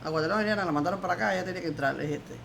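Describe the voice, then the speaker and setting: Older Cuban woman, fast-talking, emphatic witness telling her story. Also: fairly low pitch, vocal fry, fairly bright tone, slight background noise. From Cuba. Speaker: interviewee, former political prisoner. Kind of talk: recorded testimony interview.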